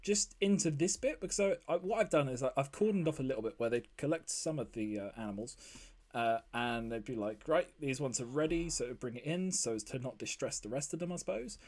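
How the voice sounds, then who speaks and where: A man's voice: medium pitch, expressive, brisk, a little mellow. A man giving casual, rambling commentary while he builds in a game, with lots of ums and asides. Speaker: let's play host.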